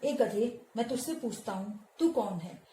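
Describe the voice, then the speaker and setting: A woman teacher voicing an angry male demon from a school play, with gruff threatening shouts, in an echoey room. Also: on the high side, lively intonation, a little slow, slight background noise. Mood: menacing.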